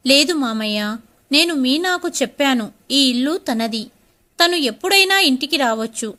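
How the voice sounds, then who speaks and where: A woman's voice: high-pitched, animated, normal speed, bright, forceful tone. A woman voicing an angry, cold young husband in a story, speaking in a cutting, bitter way.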